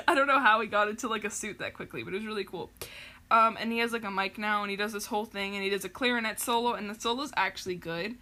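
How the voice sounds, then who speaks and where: A woman's voice: mid-range voice, fast, pushed and bright. A young adult woman hosting a podcast, casually recapping a show in a rambling, filler-heavy way and giggling often. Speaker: podcast host.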